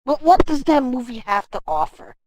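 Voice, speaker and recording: A woman's voice: high-pitched, normal speed, dry recording, low-quality recording. A woman livestreaming from home, ranting in casual talk, swearing and speaking straight to her chat. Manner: animated, profane ranting.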